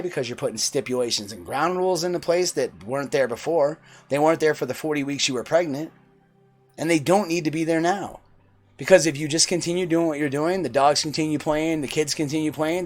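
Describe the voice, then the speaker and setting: A man in his forties giving a blunt, profane, preachy monologue. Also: fairly high pitch. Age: 40s. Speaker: vlogger. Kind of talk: opinionated monologue.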